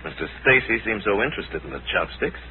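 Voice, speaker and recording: An actor playing a calm, erudite crime-fighting lama in a formal, theatrical 1940s radio style. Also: male voice, fairly low pitch, fast talker. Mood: assured, explaining. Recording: tinny, hissy old radio recording.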